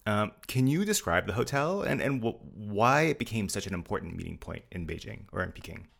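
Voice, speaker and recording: A male podcast interviewer asks his questions in a halting, slightly apologetic way. His voice is low and carries a lot of gravelly fry. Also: big pitch swings, a bit bright.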